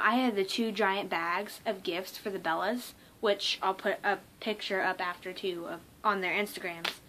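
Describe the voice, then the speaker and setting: A young woman recounting her day in a casual vlog, her voice bright and clear. She rambles excitedly, piling up ums, likes and restarts as the story tumbles out. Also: medium pitch. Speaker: vlogger.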